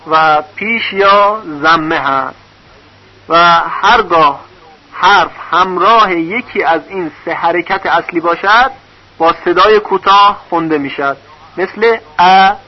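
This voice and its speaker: A man teaching a recorded lesson on reading vowel marks, patiently spelling out syllables one by one. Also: high voice. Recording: dull lo-fi recording.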